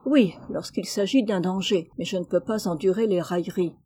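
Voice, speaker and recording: A shy, proud teenage boy opening up about being lonely, read by a woman in a mellow, soft voice. he sounds earnest and a bit sheepish, like a storybook hero who hates being teased. the voice is husky and warm rather than bright. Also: on the low side, normal speed. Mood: rueful.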